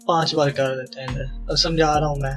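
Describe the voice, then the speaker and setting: A man's voice: fairly high pitch, little pitch movement, a bit bright, faint music behind. A young man with a Pakistani Urdu accent teaches a programming tutorial while working on screen. He explains step by step, mixes in English coding terms and often checks in with "theek hai?".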